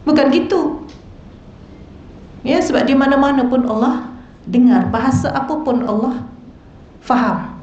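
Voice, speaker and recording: A woman's voice: fairly high pitch, mellow, slight background noise. A woman religious teacher with a Malaysian Malay accent, giving a lecture in a mosque hall and asking the audience rhetorical questions. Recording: echoey hall, dull lo-fi sound.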